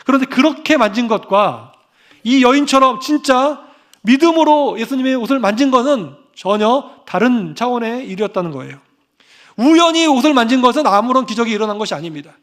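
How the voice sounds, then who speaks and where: A Korean pastor preaching a fervent, emphatic sermon that rises into proclamations. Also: male voice, very high voice, lively intonation, fairly quick, fairly bright tone.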